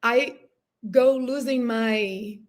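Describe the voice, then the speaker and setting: Extremely slowly and in a slightly high voice, a Brazilian woman in her thirties whose first language is Portuguese speaks with a Brazilian Portuguese accent. She's a guest in an impassioned panel over video call, speaking with earnest emotion and hunting for words.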